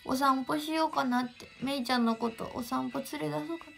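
A young woman with a Kansai accent chats to her livestream viewers from home. She talks in a high, bright-toned voice, giggling between stories. Faint music plays quietly behind her. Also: fairly even intonation, a little fast, creaky. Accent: Kansai Japanese. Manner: giggly, chatty, answers chat greetings. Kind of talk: casual livestream chat.

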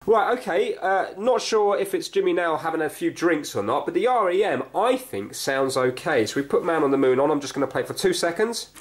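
A fairly high-pitched man with lively intonation talks briskly and barely pauses while hosting a repair video at a cluttered indoor workbench. His narration is casual and tentative, thinking aloud through each step, over clear background noise and clicks from handling.

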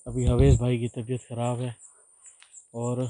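A man's voice: mid-range voice, completely flat delivery, unhurried, mellow, no room sound. A man hosting a ghost-hunting vlog outdoors in a forest at night, pleading and calling out repeatedly. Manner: pleading, calls out repeatedly in fear. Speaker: ghost-hunting show host. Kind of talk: paranormal vlog narration and banter.

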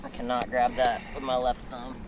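A young man fishing with a friend on a small boat, bantering in excited slang. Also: mid-range voice, moderate pace. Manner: hyped, slangy, bro talk. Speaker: fishing buddy. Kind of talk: casual banter. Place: small open boat on the water, outdoors. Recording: loud wind and water noise.

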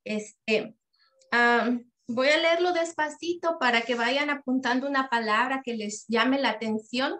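A woman's voice: high voice, a little slow, a bit bright. A woman volunteer leading a parish parents' meeting, speaking unhurriedly with many hesitation fillers, then praying and reading a psalm aloud. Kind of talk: catechesis talk with prayer and scripture reading.

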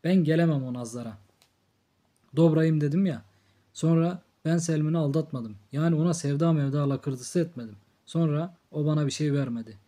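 Guy reading a harsh drunk big brother in an audiobook, blunt and threatening, low mellow voice. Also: moderate pace, natural voice. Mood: brooding.

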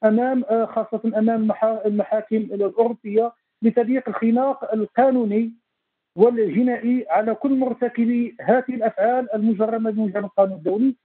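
A man speaking as a guest analyst in a TV debate, talking fast and insistently with restarts. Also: high-pitched, steady tone, slightly rough. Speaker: guest analyst on Western Sahara affairs. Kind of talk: remote TV debate commentary. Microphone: phone line. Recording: tinny phone line.

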